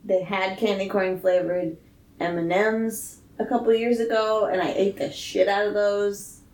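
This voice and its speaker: A woman's voice: mid-range voice, fairly even intonation, unhurried, a little mellow. A woman co-hosting a podcast, chatting casually with enthusiasm and plenty of swearing. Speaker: podcast co-host. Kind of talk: casual chat. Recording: roomy echo.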